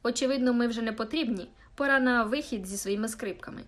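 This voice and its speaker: A woman voicing a bitter, wry older male church musician who speaks slowly in a sardonic, mournful way. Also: on the high side, close to an everyday voice.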